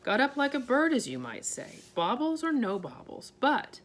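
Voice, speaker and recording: A woman reading aloud and voicing a tiny, plain-spoken borrower father who talks in homely, ungrammatical phrases with calm reassurance. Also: high voice, moderate pace, a little hiss or hum, exaggerated voice. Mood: steady.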